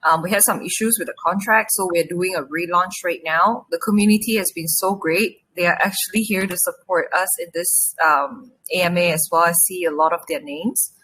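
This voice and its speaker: A woman from Malaysia, a crypto project founder talking earnestly and quickly in an online AMA, with many fillers. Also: lowish voice, steady tone, fairly bright tone, slightly rough, rough recording.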